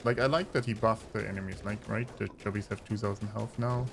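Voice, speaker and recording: Guy casually commentating his game, kinda low gravelly voice, thinking out loud, bit of music behind. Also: fairly even intonation, brisk. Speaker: gamer commentating on own play. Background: video game music and unit voices.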